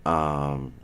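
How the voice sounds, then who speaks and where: Streaming live from home, a middle-aged host chats casually and rambles with his viewers, his nose clearly stuffed up. His voice rumbles low yet sounds a bit bright and smooth.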